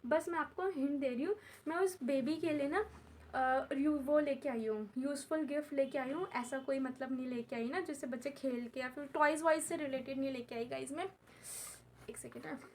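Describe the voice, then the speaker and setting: High-voiced young woman chatting to viewers. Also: moderate pace, darkish tone, slight background noise. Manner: chatty, repeats herself, addresses viewers as guys. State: unwell and in pain, lying down. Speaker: vlogger and tuition teacher. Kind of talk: casual vlog talk to camera. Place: at home while her mother does her hair.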